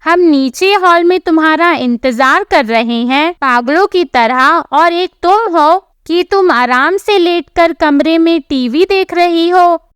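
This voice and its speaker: A woman's voice: high voice, slow pace, no echo, studio quality. A woman voicing an irritable young husband who scolds his wife with exasperation, in a storybook telling. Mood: angry.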